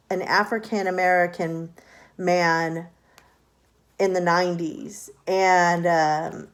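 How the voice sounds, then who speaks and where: Slow-talking, blunt older woman tarot reader. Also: lowish voice. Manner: blunt and profane, laughs often. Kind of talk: casual advice talk to camera.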